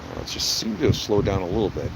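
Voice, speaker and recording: A low-pitched man gives casual live storm commentary outdoors, sounding keen on the weather. Very loud wind buffets the microphone, with leaves rustling around him. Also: sing-song, quick pace, creaky. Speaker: amateur storm watcher livestreaming. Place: outdoors in a yard at night during hurricane winds. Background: strong gusting wind, rustling trees.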